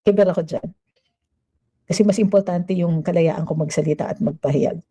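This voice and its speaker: A woman hosts livestream commentary, reading out viewer comments and answering them in an emphatic, chatty way. Her voice sits fairly low and sounds very dark and mellow. She mixes Tagalog and English freely. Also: moderate pace, slightly rough.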